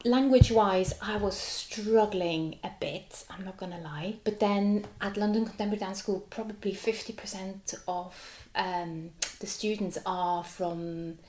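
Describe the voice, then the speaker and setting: This is casual interview chat from a German-speaking Swiss dancer in her forties who works in contemporary dance; she's animated, laughs a lot, and says "like" often. Her mid-range voice keeps a steady tone and measured pace with few pauses, slightly mellow, in a reverberant, rough recording.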